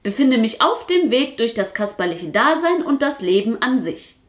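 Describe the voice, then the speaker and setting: A woman's voice: on the high side, voice pushed up. Woman doing a chatty, boastful Kasper puppet. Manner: quick, excited, insistent chatter. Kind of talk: storybook reading.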